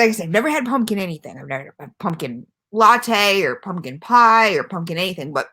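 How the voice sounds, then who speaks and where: Filming at home instead of in her usual setup, an e-liquid reviewer chats casually about a product for her channel. She rambles, makes self-deprecating jokes, and uses plenty of fillers, in a medium-pitched, slightly bright voice.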